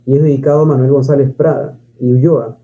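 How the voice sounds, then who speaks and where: A man's voice: mid-range voice, fairly even intonation, fast talker, mellow. A man teaching a grammar lesson, who asks and answers his own questions and reads poems aloud. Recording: dull lo-fi sound.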